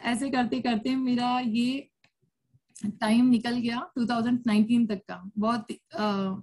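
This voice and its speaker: A woman in her thirties from India shares her own story before a seated audience at a support circle. Her voice sits somewhat high, and she tells it candidly and chattily, with laughs breaking in often. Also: a little mellow. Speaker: cancer survivor sharing her story. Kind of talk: personal testimony at a support circle.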